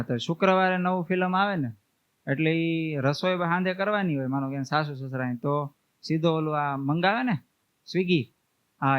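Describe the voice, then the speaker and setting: Brief: male preacher, fairly high voice, folksy storyteller, narrow phone-like audio. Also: no room sound. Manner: homely storytelling, acts out family members' words. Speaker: swami preacher. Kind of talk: storytelling sermon. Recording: tinny, phone-like dry sound.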